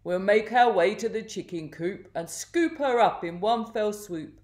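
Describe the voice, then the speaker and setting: A woman's voice: mid-range voice, animated, a little slow, darkish tone, lightly acted. Woman playing a bossy, hefty storybook crook. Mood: scheming.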